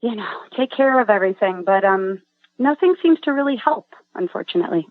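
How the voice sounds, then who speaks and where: A woman's voice: mid-range voice, animated, fairly quick, no echo. A woman in her forties from Massachusetts, calling in by phone to a call-in show, chatty and youthful-sounding. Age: 40s. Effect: phone-line caller on a radio-style call-in show. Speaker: caller. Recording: tinny phone line, dry.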